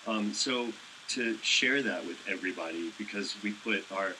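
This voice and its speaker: A man interviewed at a live event, speaking haltingly and searching for words with many fillers. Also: on the low side. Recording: noisy live event audio.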